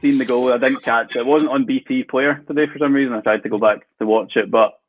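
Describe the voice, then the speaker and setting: This podcast guest is a Scottish football fan with a Glasgow accent, relaxed and chatty, dropping frequent fillers and small laughs. He talks fast in a mid-range voice with fairly even intonation, heard over thin, phone-like call audio.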